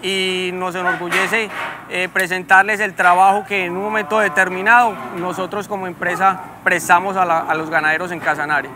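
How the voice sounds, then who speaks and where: A man's voice: high voice, little pitch movement, normal speed. A man formally explaining his company's work as its representative in an interview. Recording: clear outdoor ambient noise.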